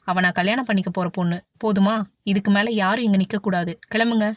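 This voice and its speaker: A man's voice: high voice, steady tone, brisk, dry recording, natural voice. A woman voicing a hot-tempered young man, the lovestruck hero of a romance novel, speaking bluntly. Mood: angry. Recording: dull, dry audiobook recording.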